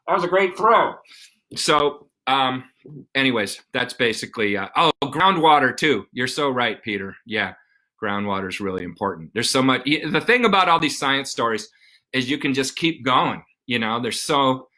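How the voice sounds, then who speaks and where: A man's voice: mid-range voice, expressive, normal speed, sharp tone. A middle-aged man hosting a science show, explaining ideas to kids with enthusiasm and playful little acted-out scenes. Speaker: host.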